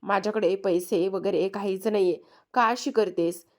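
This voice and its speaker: A woman's voice: medium pitch, steady tone, moderate pace, lightly acted. A woman voicing a greedy, sneaky young man who turns to pleading when caught, read inside a recap. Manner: read as quoted lines within a narrated recap.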